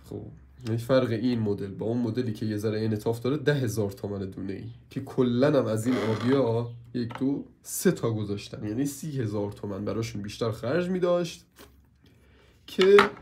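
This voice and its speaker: A gravelly, hoarse man with a cold walks through a purchase in a casual hands-on review, grumbling and turning to the viewers for answers. His voice sits at an ordinary pitch with a steady fry. Clear noise runs under the whole recording. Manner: complaining, keeps asking viewers.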